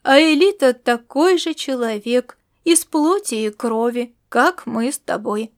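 A woman voicing a patient young man in an audiobook, soothing his grandmother with calm, gently mocking words. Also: fairly high pitch, measured pace. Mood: gentle.

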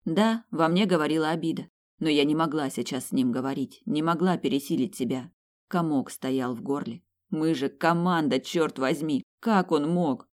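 A woman's voice: low-pitched, moderate pace, darkish tone. Woman reading a novel aloud. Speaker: audiobook narrator. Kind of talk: first-person novel narration.

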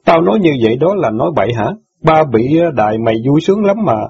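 A man's voice: a little high, big pitch swings, fast talker, creaky, warm tone, slightly rough, pitched above the performer's own voice, exaggerated voice. A man voicing a sulky, angry teenage boy in a storybook reading, talking back with bitter, defiant retorts. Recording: dull lo-fi audiobook recording.

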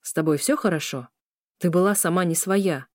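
Woman reads an irritated, curt young man, in her own dark voice, dry sound. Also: fairly low pitch, moderate pace, no room sound, close to an everyday voice.

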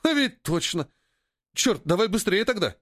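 A whiny, complaining young trader, put on by a man reading a story, pitched far above an ordinary male voice. His grumbles bounce up and down with lively intonation. The sound is close and dry. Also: fast, no echo. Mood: agitated.

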